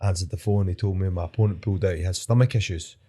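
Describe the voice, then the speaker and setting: Husky, warm and low-pitched, the man speaks fast with a steady tone. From Scotland, he's a mixed martial arts fighter on a podcast, casually telling rambling anecdotes in an interview, cursing freely and laughing a lot.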